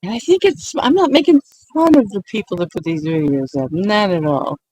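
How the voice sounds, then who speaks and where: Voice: mid-range voice, expressive, a little fast, dark tone, breathy edge, no echo, low-quality recording. A YouTuber giving a casual late-night monologue meant to help people sleep, rambling with frequent restarts and often breaking into giggles.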